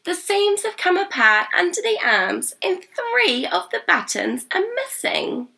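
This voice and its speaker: A woman's voice: very high-pitched, very animated, unhurried, gravelly, bright, forceful tone, pitched above the performer's own voice, heavily acted. A woman voicing a fussy, practical grandmother in a children's storybook reading. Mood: brisk.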